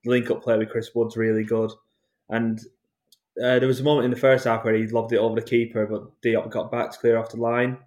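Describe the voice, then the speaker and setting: A man, a guest on a football podcast, giving measured analysis. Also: mid-range voice, lo-fi sound. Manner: measured, even-toned analysis. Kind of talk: casual football podcast chat.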